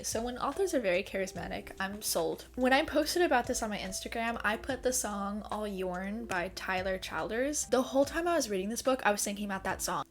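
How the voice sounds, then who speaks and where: A young woman reviewing books in a casual vlog, expressive and dramatic, swinging between gushing and mock outrage. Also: medium pitch. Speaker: book vlogger. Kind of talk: casual book review monologue.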